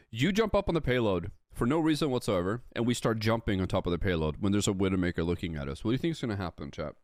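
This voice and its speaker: Lively blunt male game coach. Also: lowish voice, dry recording, clean studio sound. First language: Swedish. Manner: blunt, nitpicky, profane, talks to chat. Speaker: game coach reviewing a player's replay. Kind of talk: streamed coaching commentary.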